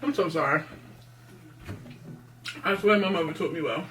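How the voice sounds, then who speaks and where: A woman's voice: on the low side, moderate pace, fairly bright tone, slight background noise. Chatty woman vlogging while eating. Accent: Baltimore. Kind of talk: casual vlog chat.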